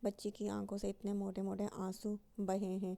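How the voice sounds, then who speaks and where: A woman's voice: medium pitch, completely flat delivery, creaky, warm tone, lightly acted. A woman reading aloud and voicing a fond but commanding grandmother who scolds with authority.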